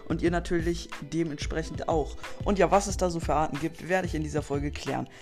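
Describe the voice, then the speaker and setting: A man's voice: fairly high pitch, steady tone, fairly quick, soft background music. A man hosting his podcast in a casual, upbeat way, with plenty of repeated stock phrases. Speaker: podcast host. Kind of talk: casual podcast intro and outro.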